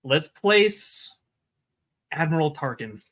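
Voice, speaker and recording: A man's voice: fairly high pitch, big pitch swings, slow, a bit bright. A man co-hosting a podcast in casual chat, riffing in long, playful tangents. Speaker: podcast co-host.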